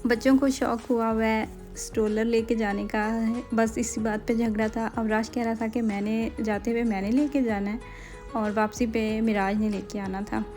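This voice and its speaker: A woman in her thirties from Pakistan with a Pakistani Urdu accent, narrating her family shopping trip in a casual vlog voice-over and often pausing to search for words. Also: a little high, fairly even intonation, a little mellow, soft background music. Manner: chatty, rambling with frequent hesitations. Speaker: vlogger.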